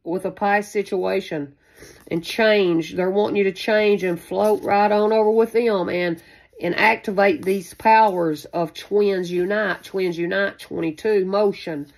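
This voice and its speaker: The recording is low quality, capturing a woman's mid-range voice with fairly even intonation and a measured pace. She's a spiritual-channel host doing a casual, made-up-as-she-goes tarot reading at a card table in a small indoor space, folksy and repetitive, swearing now and then.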